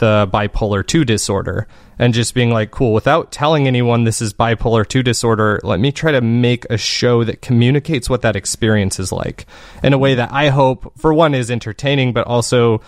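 In a medium-pitched voice and at a fairly quick pace, a man who creates fiction podcasts speaks as an interview guest about his creative work. He comes across as earnest, reflective and conversational, and the recording is dry and of studio quality.

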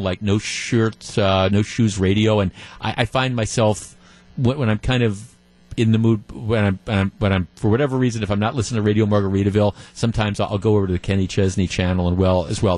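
Over a studio mic, a man with a fairly low, darkish voice hosts a radio talk show, chatting with listeners who call in. He chuckles and frequently starts his sentences over.

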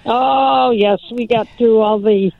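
A woman's voice: on the high side, fairly even intonation, takes it slowly, no room sound. A retired woman, calling in and rambling in a friendly way. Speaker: caller. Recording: tinny phone line.

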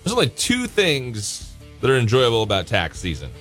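A man's voice: medium pitch, wildly swooping pitch, normal speed, a bit bright, soft background music. American man hosting a radio contest promo. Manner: casual, bantering, conversational. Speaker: radio morning show host.

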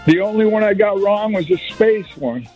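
A man's voice: high-pitched, lively intonation, normal speed, dull audio, faint music behind. A man calling in to play a radio quiz, chatting casually. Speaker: caller playing a radio quiz. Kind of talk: casual phone-in chat.

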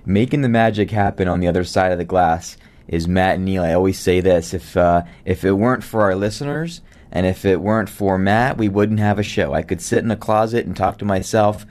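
Deep-voiced radio talk host. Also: male voice, a little fast, a little mellow. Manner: friendly, conversational, with filler words. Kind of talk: live radio talk show. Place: radio studio. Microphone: studio microphone.

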